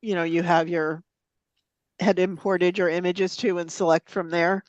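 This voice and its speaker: With a lowish, level, unhurried voice and no echo, though highs are cut off, a woman runs a live photo editing software demonstration in a meeting room or online forum. She keeps it casual and chatty, laughing easily and saying "um" often, while sniffling from a slight cold.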